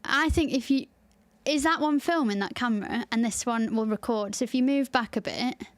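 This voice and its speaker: This woman hosts a podcast in a chatty, open way, laughing readily despite being tired from a 24-hour stream, and she has a Lancashire accent. Her voice is a little high, her speed normal, and there's no echo.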